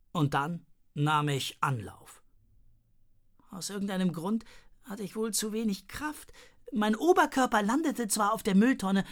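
A woman reading a children's story aloud in the first person, lively and expressive. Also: on the low side. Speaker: audiobook reader.

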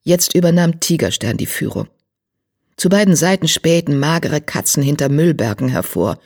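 An audiobook narrator reading a story in an even, measured way. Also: mid-range voice, slightly rough.

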